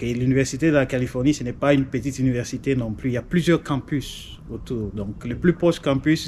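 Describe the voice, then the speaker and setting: A Congolese man in his forties, a doctor, talking in a measured, hesitant way as an interview guest. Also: medium pitch, slight background noise. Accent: Congolese French. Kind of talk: casual interview.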